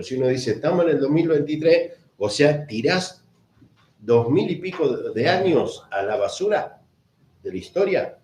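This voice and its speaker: Rioplatense man preaching, mellow voice. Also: medium pitch, echoey room. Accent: Rioplatense Spanish. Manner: teaching, repeats phrases and asks the congregation if they follow. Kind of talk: sermon.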